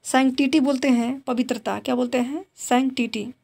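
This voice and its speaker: Woman drilling vocab, gravelly. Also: sits high, steady tone, normal speed, darkish tone. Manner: repeats each word with a drilling "what do we call it?"; mixes Hindi explanations with read-out English definitions. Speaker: English teacher. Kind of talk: exam vocabulary lesson.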